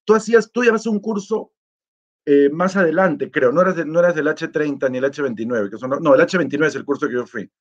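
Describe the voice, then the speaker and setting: A man's voice: fairly high pitch, brisk. Chatty man on a muffled stream. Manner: chatty and easygoing, reads greetings aloud and answers them. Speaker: vlogger hosting a live chat contest. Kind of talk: casual live-stream chat, reading out viewer comments.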